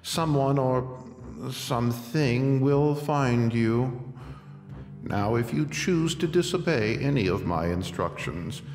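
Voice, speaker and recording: Sinister theatrical horror host: formal, menacing, mid-pitched, echoing. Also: male voice, animated, slow, darkish tone, faint music behind. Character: sinister, theatrical haunted-house master of ceremonies. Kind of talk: scripted horror attraction introduction. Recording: echoey long reverb.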